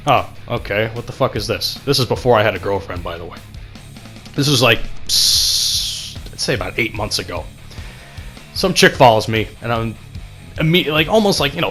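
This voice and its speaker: A man's voice: on the low side, bright, forceful tone. A young man ranting casually over gameplay, rambling, sarcastic and full of swearing. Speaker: gaming channel host.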